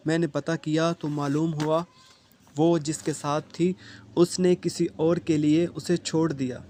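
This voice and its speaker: A man narrating an emotional first-person love story with a steady, even delivery. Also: on the high side, slight background noise.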